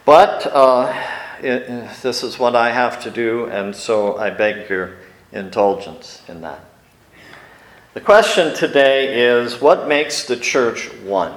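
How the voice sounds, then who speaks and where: A man preaching a sermon as pastor, speaking in a measured way with frequent pauses and fillers. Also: medium pitch, roomy sound, poor audio.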